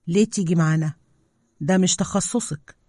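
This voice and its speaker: A woman with an Egyptian accent voicing a calm male scientist who dismisses concerns. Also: on the low side, a little fast, no echo, clean studio sound, close to an everyday voice. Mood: dismissive. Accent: Egyptian Arabic.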